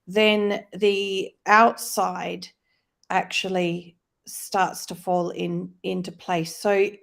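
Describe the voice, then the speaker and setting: A woman co-hosts a live online faith-based wellness discussion, speaking in a reflective, explanatory, conversational way. Her voice is on the low side and gravelly, very slow, with a flat delivery. A plane passes loudly overhead.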